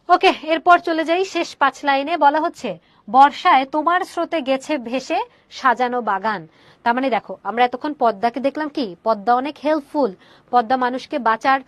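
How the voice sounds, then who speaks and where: A woman's voice: high voice, no room sound. A young woman teaching a poem in an online class, asking questions and answering them herself and mixing in English words. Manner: mixes English words into her explanation.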